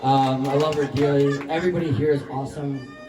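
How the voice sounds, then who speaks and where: A man's voice: medium pitch, steady tone, background noise. A man doing a playful stand-up roast set at a birthday party, drawing his lines out. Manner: playful, drawn-out storytelling. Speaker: roast comedian. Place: party room with a live audience. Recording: roomy sound from a distant mic.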